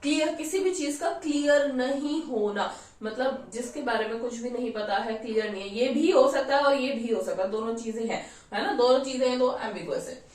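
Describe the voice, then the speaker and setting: A woman's voice: on the high side, normal speed, a little mellow. Indian woman teacher, chatty and repetitive explainer, recorded from a distance in an echoey room. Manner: repeats "thik hai", asks and answers her own questions. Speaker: English vocabulary teacher. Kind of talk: explaining exam vocabulary questions in a casual class.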